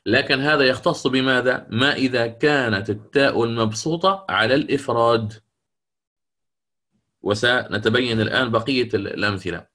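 A man teaching the rules of Quran recitation in a lecture, who explains step by step, checks in with his listeners and recites verse examples slowly. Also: medium pitch, pushed and bright.

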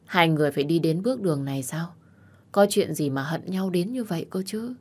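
A woman's voice: on the low side, animated, brisk. Woman voicing a fussing, caring best friend. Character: worried protective young female best friend.

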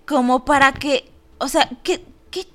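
A woman with a Mexican Spanish accent hosting a radio show, telling a story in a lively, casual way, acting out the voices she quotes and laughing often. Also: high-pitched, measured pace.

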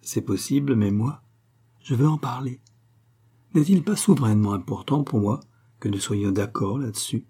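A man's voice: medium pitch, lively intonation, moderate pace, dark tone, husky. A man reading an audiobook voices an earnest young woman, a devoted fiancée who talks in a pleading, insistent way.

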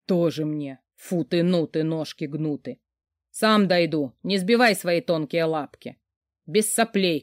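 A woman narrating a first-person audiobook in a wry, even storytelling manner. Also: mid-range voice, dry recording, clean studio sound.

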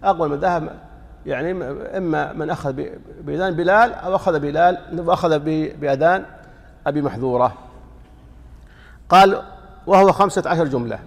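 A man's voice: a little high, a little fast, vocal fry, pauses often, in a large hall. A man teaching a religious lesson, explaining a text and quizzing listeners with rhetorical questions, sometimes chanting sample lines to demonstrate. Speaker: sheikh teaching a fiqh lesson.

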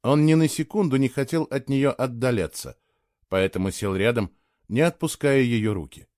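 A man narrating an audiobook in an expressive reading. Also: mid-range voice, normal speed, no room sound, clean studio sound.

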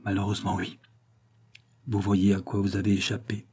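A man's voice: medium pitch, animated, normal speed, mellow, breathy edge. A man reading a tough police commissioner in an audiobook, speaking in a cutting, commanding tone. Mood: curt.

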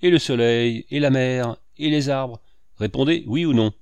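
A man's voice: mid-range voice, big pitch swings, slow, dry recording. Man reading a furious, hot-headed friend. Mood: vehement. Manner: vehement, shouting questions.

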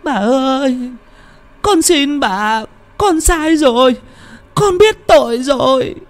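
A man voicing an old woman in an audio story, crying out and begging for mercy in a shrill wail. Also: expressive, slow, full character voice. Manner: shrill pleading cries, shouting. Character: wailing old woman being beaten, begging.

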